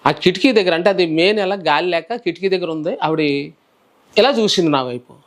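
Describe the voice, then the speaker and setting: A man who is a preacher, telling his personal testimony in a calm, soft-spoken way during an interview. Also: high voice, brisk.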